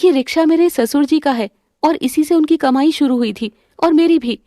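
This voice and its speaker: A woman's voice: high-pitched, normal speed, mellow, no echo, studio quality, close to an everyday voice. A woman voicing a hardworking, proud young daughter-in-law who drives a rickshaw in a cartoon story, earnest and cheerful. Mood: firm.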